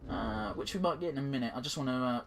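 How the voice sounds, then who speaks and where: A fast-talking man with a mid-range voice and a blocked nose gives casual, profanity-laced commentary while playing a game, drifting off with fillers. It's a let's-play by a gaming commentator, with a little hiss or hum on the recording.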